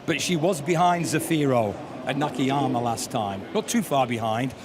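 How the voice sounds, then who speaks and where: A man giving measured opinions as a racing analyst in live pre-race discussion. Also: medium pitch, animated, background noise.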